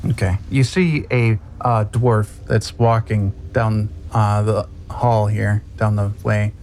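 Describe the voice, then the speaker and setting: A man running a tabletop game as game master, casual and halting in his narration. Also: fairly low pitch, fairly even intonation, darkish tone, a little hiss or hum.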